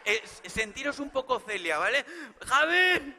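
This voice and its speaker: A man's voice: fairly high pitch, normal speed. A man in his thirties from Spain with a Spanish accent, hosting a live awards gala as a stand-up comic who jokes with and rallies the audience. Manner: chatty, joking, teasing the audience, rallying the crowd. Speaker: gala host. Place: large hall with a live audience. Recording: live hall recording with long reverb and faint noise.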